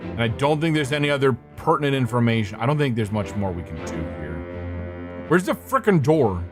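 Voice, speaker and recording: Lively-voiced male game streamer. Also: mid-range voice, moderate pace, over music. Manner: thinking aloud, scattered, swearing, greeting chat. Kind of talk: casual gameplay commentary.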